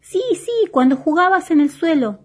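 A woman doing a squeaky cheeky blue marble. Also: animated, normal speed. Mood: stubborn playful. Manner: high childish squeaky refusals. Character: stubborn playful blue marble, tiny and cheeky.

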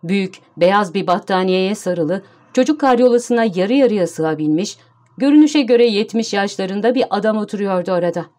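A woman narrates an audiobook at a steady, measured pace. Her voice is mid-pitched and even. She keeps a calm storytelling tone throughout. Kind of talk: scripted narration.

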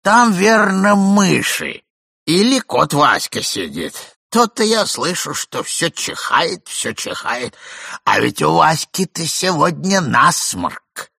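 A man voicing a fussy, doting old husband who shouts in alarm. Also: a little high, slow, creaky, slightly rough, dry recording, studio quality, pitched above the performer's own voice, heavily acted. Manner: excited shouting.

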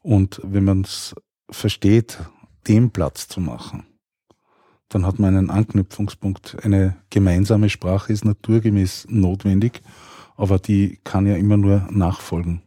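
A man, a teacher, answering interview questions in a calm, measured, explanatory way. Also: low-pitched, slightly rough, no room sound, clean studio sound.

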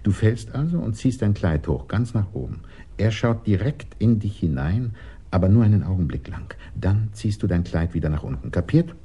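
A man's voice: lowish voice, big pitch swings, moderate pace, mellow, husky, full character voice. An actor playing a scheming man who commands and instructs others at length, in a 1980s radio drama. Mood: coaxing.

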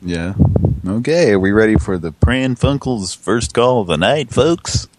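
Hesitant deadpan male host. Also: lowish voice, measured pace, noisy background. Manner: hesitant, lots of uh and restarts, deadpan. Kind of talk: prank call radio show banter.

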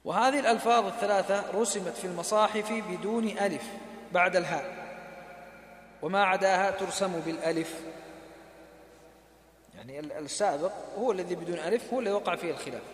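A man with a high voice gives a patient lecture on recitation rules. Now and then he chants the examples. His voice rings out in a roomy hall with a long reverb tail. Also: fast talker, pauses often. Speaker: Quran recitation teacher.

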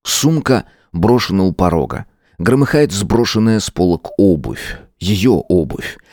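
A male narrator with a very deep voice reads an audiobook with lively, sweeping intonation. His reading is expressive and dramatic, and the recording is close and completely dry. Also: measured pace, no room sound.

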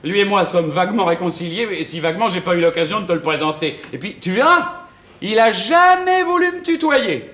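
A man playing a broke cornet player in a stage comedy, wry and bantering, with quick comebacks. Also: high voice, sharp tone. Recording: roomy stage sound, faint hiss.

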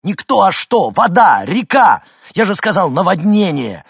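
A man reading an audiobook plays a panicked middle-aged helicopter pilot who shouts his warnings in a hoarse, breathless rush. The husky voice strains high and loud with desperation. It is close and dry, with no room sound. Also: sing-song, unhurried, dry recording, full character voice. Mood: desperate shouting.

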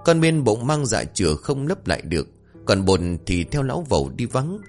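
Low-voiced guy telling a creepy village ghost story, really animated, quiet music behind. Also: normal speed. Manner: expressive, dramatic storytelling. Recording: faint background music.

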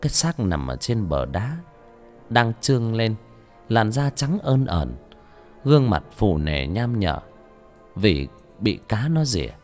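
A man's voice: fairly low pitch, slow pace. A man narrating a horror audiobook expressively, then chatting casually with his listeners as host, with faint music behind. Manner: expressive, dramatic storytelling.

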